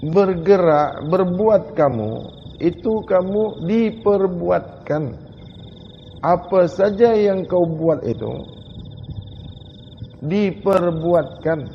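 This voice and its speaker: A man with a Malaysian Malay accent giving a Sufi sermon, slowly asking questions and driving points home by repeating them. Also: sits high, creaky, big-room sound, highs cut off, a little hiss or hum. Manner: slow, questioning, emphatic repetition. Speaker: religious teacher.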